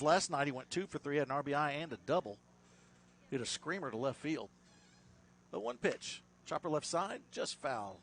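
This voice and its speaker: A man's voice: fairly high pitch, a little hiss or hum. Chatty man calling a baseball game. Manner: lively, rises sharply on big plays; chatty, laughs with his partner. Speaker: play-by-play announcer. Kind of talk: baseball commentary.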